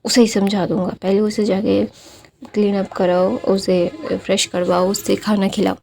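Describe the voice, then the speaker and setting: Storybook part: a calm matriarch who smooths things over, read by a woman, gravelly and dark. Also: mid-range voice, normal speed, lightly acted. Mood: placating.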